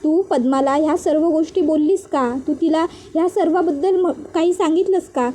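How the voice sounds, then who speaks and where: A woman's voice: high voice, normal speed, dark tone, a little hiss or hum, natural voice. Woman voicing a firm, questioning mother. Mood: stern. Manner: insistent, repeats questions. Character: worried mother, questioning her daughter firmly.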